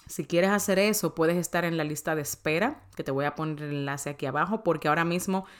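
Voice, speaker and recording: Lower-voiced woman coaching listeners. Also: fast talker, clean tone. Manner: warm, coaxing, asks listeners rhetorical questions. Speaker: emotional eating coach. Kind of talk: podcast monologue.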